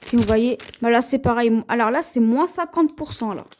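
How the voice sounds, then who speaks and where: A woman with a French accent, chatting slowly through a haul video at home, showing her purchases with many pauses and fillers. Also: a little high, a little mellow, slight background noise. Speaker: haul vlogger. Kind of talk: casual haul video, showing items to camera.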